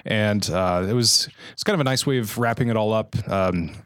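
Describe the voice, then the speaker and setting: Man, podcast co-host, relaxed casual chat, low pitch, dry recording. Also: normal speed, clear, resonant tone, no echo. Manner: relaxed, with frequent fillers.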